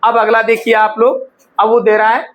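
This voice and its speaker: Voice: mid-range voice, flat delivery, normal speed, highs cut off. A teacher explaining a lesson step by step and checking often that the class follows.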